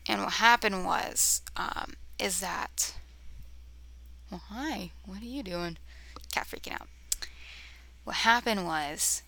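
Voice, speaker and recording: Young woman rambling spooky stories on a cheap camera mic, bright and kinda gravelly, lots of ums, keeps dropping to a whisper. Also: fairly low pitch. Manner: rambling, many fillers, often drops to a whisper; easily distracted, talks to her cat. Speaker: vlogger. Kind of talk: casual storytelling to camera. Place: bedroom near a road, windows open.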